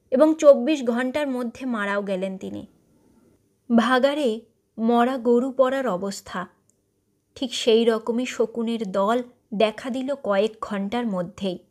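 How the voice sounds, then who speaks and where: A woman storyteller reading a short story aloud in a measured, expressive narration. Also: on the high side.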